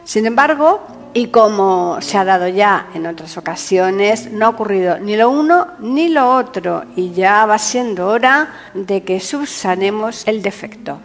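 A woman hosting a poetry podcast, reading a formal scripted introduction in a measured announcing manner. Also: medium pitch, animated, in a large hall, soft background music. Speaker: podcast host. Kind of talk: scripted radio presentation.

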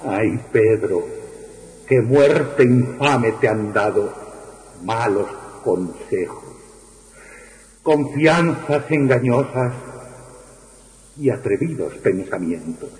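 A man reciting a ballad in a declamatory style, with big swings in pitch on the chanted refrains. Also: animated, slow, pauses often, darkish tone. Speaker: poetry reciter. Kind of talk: dramatic poetry recitation. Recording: echoey hall with long reverb.

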